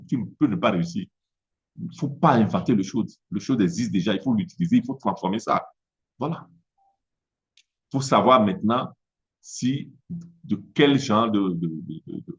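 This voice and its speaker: This man, a business coach from Togo who grew up speaking Mina, delivers a faltering pep talk in French colored by an Italian-sounding accent, circling back over words as he hunts for the next one. His pitch sits fairly low, and the audio is lo-fi.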